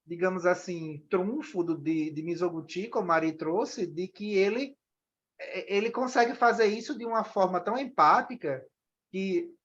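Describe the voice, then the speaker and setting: A man's voice: high-pitched, a bit bright, muffled recording. A man moderating a discussion after a film screening, talking with many restarts and "né?" tags.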